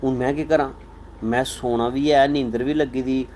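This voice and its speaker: A comedian with a Dogri accent chats casually with viewers on a live stream, answering their comments and telling stories playfully. His mid-range voice is steady, a little mellow, and delivered at normal speed, with slight background noise.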